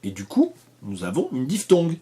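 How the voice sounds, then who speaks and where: Male teacher, slightly raspy, patient explanations, stresses syllables clearly. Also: a little high, wildly swooping pitch, moderate pace, mellow. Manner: careful, stresses example words. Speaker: English teacher. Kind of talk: pronunciation lesson.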